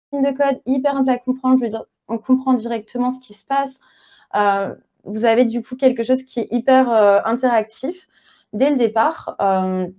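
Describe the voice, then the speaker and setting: A woman's voice: high-pitched, warm tone. A woman giving a tech conference talk with a live coding demo, chatty and casual, marking each step with little filler words. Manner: casual, chatty, punctuates steps with "hop" and "voilà". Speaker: conference speaker.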